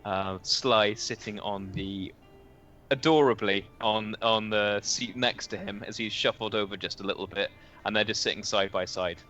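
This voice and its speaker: A man narrates a tabletop role-playing session as game master, stopping to fix his own slips. His voice is bright and forceful at a middle pitch. The voice-chat audio is dull, with faint music underneath. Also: fairly even intonation, normal speed. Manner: hesitant, correcting himself while narrating. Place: home, online voice chat.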